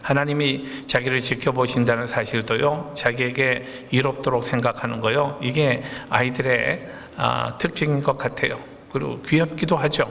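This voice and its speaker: A man's voice: medium pitch, vocal fry, fairly bright tone. A male pastor preaching a sermon in a conversational way, telling anecdotes and asking the congregation rhetorical questions. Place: church sanctuary. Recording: long reverb of a church hall.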